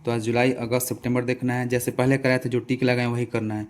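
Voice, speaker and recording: A man's voice: medium pitch, flat delivery, brisk, slight background noise. Bihari man teaching exam revision. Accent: Bihari Hindi. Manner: conversational, repeats answers, asks and answers own questions. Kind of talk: casual current-affairs revision lesson.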